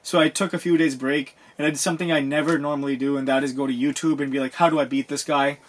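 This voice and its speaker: A man co-hosting a casual podcast chat, telling his own stories in a relaxed, conversational way. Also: on the high side, fast. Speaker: podcast co-host.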